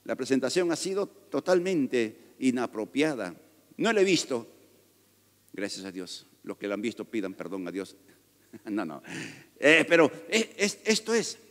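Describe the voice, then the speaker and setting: A man delivers a sermon, moving between emphatic teaching and loose, joking asides to his congregation. His voice sits at an ordinary middle pitch. The long reverb of a church sanctuary trails after each phrase. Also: big pitch swings, normal speed, fairly bright tone. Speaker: pastor.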